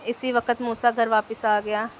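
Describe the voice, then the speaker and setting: A woman narrating a romance novel aloud, in a flat, even reading voice. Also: on the high side, normal speed, a little hiss or hum.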